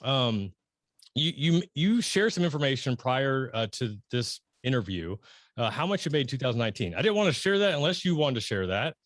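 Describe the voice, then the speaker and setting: A middle-aged man hosting an interview, talking casually and rambling with many restarts and excited emphasis. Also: medium pitch, fairly quick, no echo, clean studio sound. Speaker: podcast host interviewing a guest.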